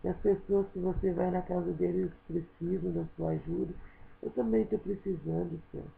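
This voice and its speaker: A woman's voice: lowish voice, steady tone, normal speed, creaky. A middle-aged woman with a Minas Gerais Brazilian accent, recording an emotional plea at home and repeating her phrases. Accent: Minas Gerais Brazilian Portuguese. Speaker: video appeal maker. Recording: tinny lo-fi home recording with faint noise.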